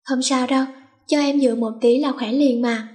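A woman's voice: high-pitched, steady tone, normal speed, darkish tone, close to an everyday voice. A woman doing a scheming sassy schoolgirl. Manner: bossy, mock-sweet when acting.

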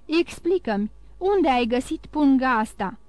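A woman's voice: high-pitched, lively intonation, a little mellow, dry recording. A woman voicing a distraught older merchant father who questions in bewildered disbelief.

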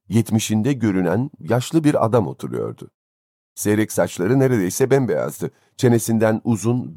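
A man reading a story aloud as an audiobook narrator, in a measured, expressive way. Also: fairly low pitch, dry recording, clean studio sound. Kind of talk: scripted narration.

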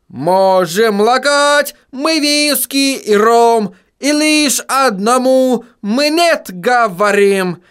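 Guy doing a shaky vampire, high and slow, warbling like he's barely holding on, audiobook. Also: a bit bright, smooth. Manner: quavering, slow sing-song. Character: trembling vampire man singing a temperance hymn.

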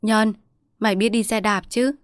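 A woman's voice: medium pitch, level tone, normal speed, dry recording, clean studio sound, close to an everyday voice. A woman storyteller voicing a district chief's wife, an indulgent mother who coaxes her child and bosses her servants. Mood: commanding. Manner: coaxing, bossy to servants.

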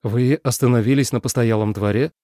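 A man's voice: medium pitch, steady tone, brisk, mellow, no room sound, studio quality, lightly acted. A man voicing a proud, defiant young nobleman who speaks curtly and mockingly in a storybook reading. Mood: cold. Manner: curt, mocking.

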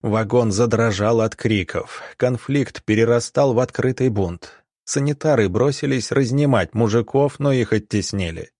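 A man narrating an audiobook in a tense, measured storytelling manner. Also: mid-range voice, darkish tone, dry recording, studio quality.

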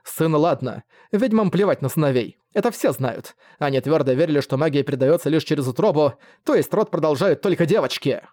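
A man's voice: fairly high pitch, expressive, brisk, few pauses, no echo, clean studio sound, natural voice. A man voicing an angry scolding mother. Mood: bitter. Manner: sharp and scolding, shouting at times. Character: stern, overbearing middle-aged mother, quick to anger.

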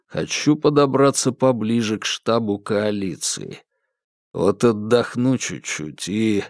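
Man doing an old worn-out soldier, low and raspy, dragging every word. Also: no echo, studio quality. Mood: strained. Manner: slow, strained, hoarse. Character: weary, sick old male soldier.

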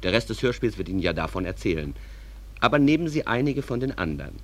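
In a German radio drama, an actor takes the role of a small-town stage manager, calm and reflective, talking to listeners in an unhurried, conversational way. His male voice sits fairly low.

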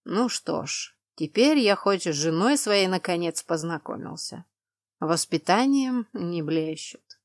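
A woman voicing a stern male duke who speaks in a slow, low and clipped way. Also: lively intonation, no echo, studio quality. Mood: weary.

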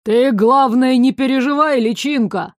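A loud, blustering male dragon father in a storybook, boasting in a raised voice, as a woman reader puts him on. His voice stays close to the reader's own. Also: high-pitched, a little slow, no room sound.

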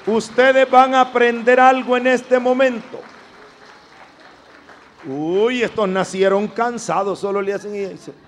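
A man's voice: very high-pitched, steady tone, measured pace, some chatter behind, slight background noise. A man preaching a sermon to a congregation, emphatic and drawn out, calling on them to repeat after him.

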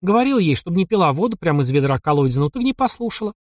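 A man voicing a young widow who speaks softly, bashfully and with emotion. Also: a little high, big pitch swings, racing, dry recording, studio quality, voice pushed up. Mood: tender. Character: young widow, tender and tearful.

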